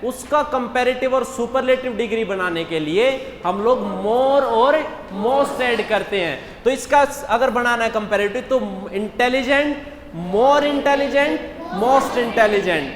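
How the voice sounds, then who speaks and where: High-voiced teacher man in an echoey hall. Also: unhurried, hardly any pauses. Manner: keeps asking the class questions and answering them himself. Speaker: English teacher. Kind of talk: classroom lesson explaining mock test answers. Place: classroom with students. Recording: echoey hall with faint background hum.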